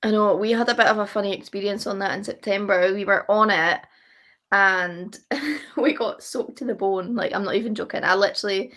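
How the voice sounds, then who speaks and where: A woman's voice: mid-range voice, brisk, a bit bright. A woman chatting casually as a guest, gushing and repeating herself for emphasis. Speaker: interview guest. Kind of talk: casual chat.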